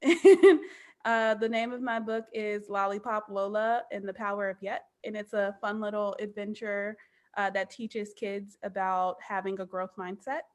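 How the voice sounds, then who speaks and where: A woman in her thirties talks as a guest on a podcast. Her pitch sits in the middle range, and she speaks with animated emphasis, leaning on "like" as she goes. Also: moderate pace. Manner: animated, emphatic, frequent "like" fillers. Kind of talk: casual chat.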